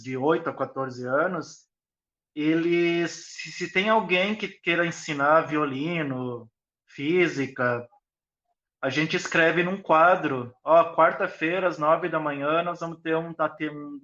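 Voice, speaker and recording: A man speaking over a video call on an online panel, slightly higher-pitched than most men. He explains his views thoughtfully, building his points with everyday examples. The sound is dull and lo-fi, like a streamed call. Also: fairly bright tone. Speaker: school founder. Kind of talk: live online panel talk.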